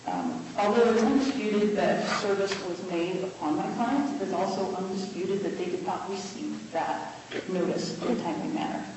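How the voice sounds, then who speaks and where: Woman, American accent, formal oral argument, hesitant phrasing, distant mic, clear background noise. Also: medium pitch, normal speed. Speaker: lawyer arguing an appeal. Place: reverberant courtroom. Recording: very echoey room, distant mic, noisy.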